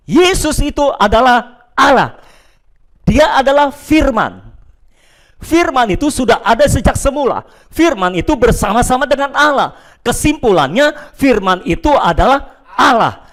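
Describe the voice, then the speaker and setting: High-voiced emphatic man preaching. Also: big pitch swings, a little slow, long pauses. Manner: emphatic preaching, swinging between loud declarations and low, quiet asides. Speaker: pastor. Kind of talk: sermon. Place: church, addressing congregation and home viewers.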